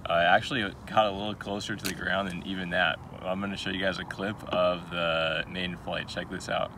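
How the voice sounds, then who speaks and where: A young man with a deep, fairly monotone voice talks casually to the camera, peppering his speech with relaxed uhs. He stands on an open airfield, and steady outdoor noise runs clearly behind him. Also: fairly quick. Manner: relaxed, many filler uhs. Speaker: RC hobby channel host. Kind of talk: casual on-camera vlog talk.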